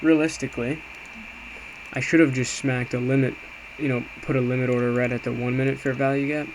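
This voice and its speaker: Here a man speaks briskly in a mid-range voice, going over a screen as he casually recaps his day trades. He's an amateur, and his tone is informal, hesitant and self-reflective. Steady background noise sits behind an otherwise clear recording.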